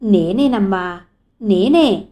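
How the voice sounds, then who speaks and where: A woman's voice: medium pitch, lively intonation, slow pace, mellow. A woman reading an audio novel voices a loving old grandmother who fusses over her granddaughter tenderly. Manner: tender, fussing, affectionate.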